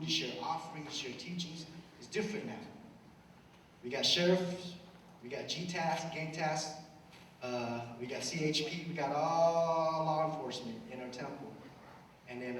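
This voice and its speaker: A man in his thirties, originally from Cambodia, tells a personal story to young people. He speaks earnestly, often asks "right?", and builds to loud, urgent appeals. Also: medium pitch. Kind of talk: personal story and motivational talk. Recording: echoey hall, distant mic, background noise.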